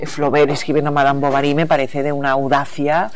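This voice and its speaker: This woman, a US novelist giving an interview, has a low-pitched, level voice and talks fairly quickly over slight background noise. She reflects on her reading and writing in a searching way, frequently trailing off and starting again.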